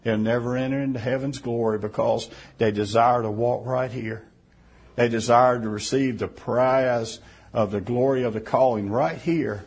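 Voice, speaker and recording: Husky fervent male preacher. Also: medium pitch. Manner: fervent, rising to emphatic bursts then dropping soft. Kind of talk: sermon.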